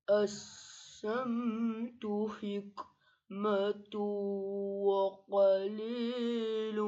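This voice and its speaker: A woman narrating religious stories from a book in a measured, steady storytelling manner. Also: on the high side. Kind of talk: read-aloud book narration. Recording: dull lo-fi recording.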